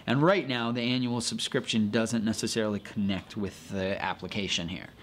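A man's voice: on the low side, fairly even intonation, normal speed, fairly bright tone, a little hiss or hum. A man co-hosting a podcast, chatting casually and explaining, with frequent fillers and restarts, recorded inside a comic store. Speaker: podcast co-host reviewing comic apps. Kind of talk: casual chat.

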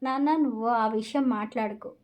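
Cold proud young businessman, read by a woman, clipped icy delivery, a bit high. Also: fairly quick, lo-fi sound, close to an everyday voice.

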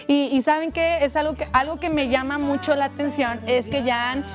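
A woman's voice: sits high, fairly even intonation. A Mexican woman in her thirties hosting a TV music show, interviewing a band in a studio with a handheld mic, chatty and playful. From Aguascalientes, Mexico. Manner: chatty, playful, quick asides.

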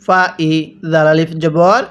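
Male teacher, high register, patient spelled-out recitation drills, long drawn syllables, call-and-repeat. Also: fairly even intonation, fairly bright tone, clean tone, highs cut off. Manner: slow, drawn-out syllables with repeated prompts to read along. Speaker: Quran reading teacher.

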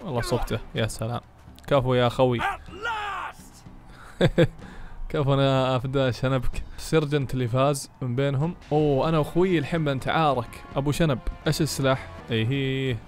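A man giving excitable let's-play commentary, cursing enemies and cheering allies. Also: medium pitch, quick pace. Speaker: gaming YouTuber. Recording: music playing behind.

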